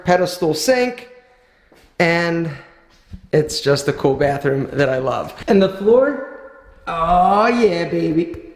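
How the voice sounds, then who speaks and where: Animated man in an echoey home gym. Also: high voice. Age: 40s. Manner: animated, emphatic, gesturing broadly. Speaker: fitness vlogger. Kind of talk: home gym tour vlog. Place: small home gym room, indoors. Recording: echoey bare room.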